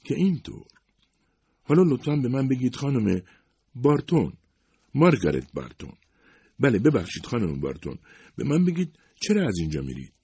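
A man's voice: medium pitch, sing-song, long pauses, dark tone, slightly rough, no room sound, voice pushed up. A man voicing a curious, earnest young woman who asks polite, probing questions.

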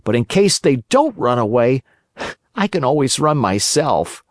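A man voicing a cheeky, boastful wooden puppet boy in a high, excited voice. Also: measured pace, no room sound, clean studio sound.

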